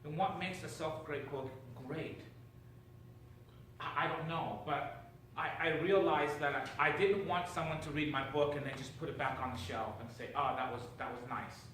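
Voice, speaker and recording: A man's voice: a little high, fairly even intonation, normal speed, a bit bright. A middle-aged man from Chile, a guest author answering interview questions in an upbeat, earnest way, often restarting phrases. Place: studio with audience. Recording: very echoey, distant mic, noisy.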